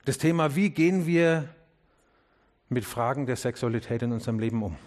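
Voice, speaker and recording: A man preaching a sermon to his congregation, asking questions earnestly and speaking to them directly. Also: a little fast. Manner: drops low and quiet on key words, rises when urging. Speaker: pastor.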